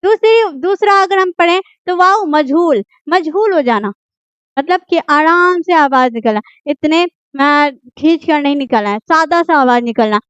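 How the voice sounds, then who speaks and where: A woman's voice: sits high, animated, a little slow, fairly bright tone, dry recording, dull audio. A woman teaching a grammar lesson, who keeps asking the class questions and then answers them herself. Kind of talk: grammar lesson explained at a board.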